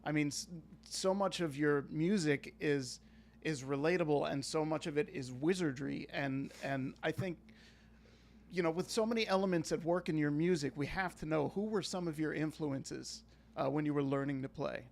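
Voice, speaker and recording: A male interviewer at a live event asks a guest about his music. His voice is fairly high with a gravelly edge, and he is eager, often repeating words as he goes. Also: normal speed, a little mellow.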